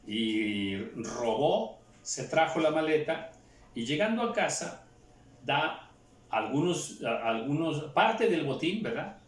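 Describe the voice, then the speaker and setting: A man preaching a Bible teaching, asking and answering his own questions, halting with fillers. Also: on the high side. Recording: roomy echo, far from mic, faint ambience.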